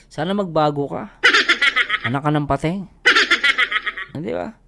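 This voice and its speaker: In a noisy recording, a man from the Philippines hosts a vlog, talking casually to viewers and laughing frequently. His slightly high voice is creaky, and he keeps a measured pace.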